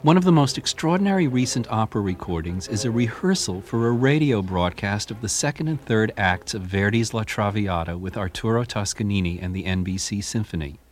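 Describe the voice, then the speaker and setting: A man reading a scripted radio review as a classical music critic, with measured storytelling. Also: lowish voice, animated. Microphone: studio microphone.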